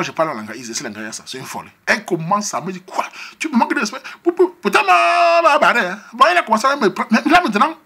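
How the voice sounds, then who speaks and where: A Cameroonian comedian with a Cameroonian French accent telling a comic story from his neighborhood, animated and acting out the scenes. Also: fairly high pitch, husky.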